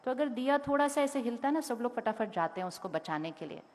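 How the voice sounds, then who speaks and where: A woman's voice: fairly high pitch, expressive, fast. Woman speaker in an echoing hall. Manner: directly questions and instructs the audience. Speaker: motivational speaker. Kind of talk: talk to a school audience. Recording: long hall reverb.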